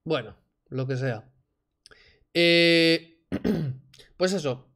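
A reaction streamer draws out his words in a fairly high voice, sarcastically mocking a video clip with animated, casual commentary. He sits indoors at his home desk, using a desk mic with headphones on.

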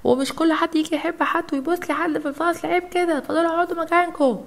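A woman's voice: extremely high pitch, steady tone, rapid-fire, voice pushed up. A woman with an Egyptian Arabic accent voicing a stern female schoolteacher toy doll who scolds and commands. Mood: scolding.

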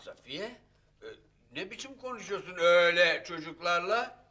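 Gruff tipsy father, bright and forceful tone. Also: sits high, expressive, normal speed. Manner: gruff, blunt. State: drunk. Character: Zekeriya, gruff drunk father. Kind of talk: TV comedy-drama acting.

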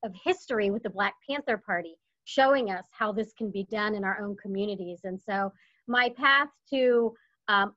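A woman's voice: mid-range voice, fairly bright tone. A woman in her fifties from Texas, speaking as a panelist on a video call from home, telling her story in an earnest, reflective way. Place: home room, indoors. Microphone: webcam on video call. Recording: dull lo-fi call audio.

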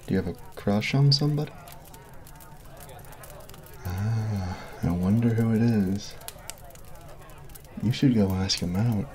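In an ASMR roleplay, a voice actor plays a sweet, goofy, bashful college jock who is the listener's best friend, sounding teasing yet earnest, flustered and apologetic. His male voice is fairly low and dark, slow, with long pauses. A close binaural mic carries a little hiss or hum.

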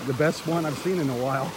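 A man hosting a live beach walk stream outdoors, chatty and enthusiastic as he talks straight to his viewers through a handheld phone. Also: on the high side. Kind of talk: casual live-stream narration. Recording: loud outdoor noise of surf and wind.

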